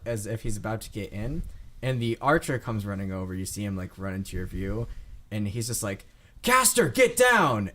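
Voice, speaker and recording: A man running a tabletop game as game master, narrating the scene in a rambling way with many fillers. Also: on the low side.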